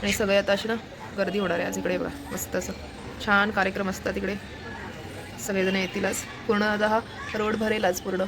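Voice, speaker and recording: A woman's voice: medium pitch, level tone, fairly quick, noisy background. A woman chatting casually through a family home vlog, keeping her viewers pointed at what she is doing. She films with a handheld phone camera while moving around the house. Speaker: family vlogger. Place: home, indoors.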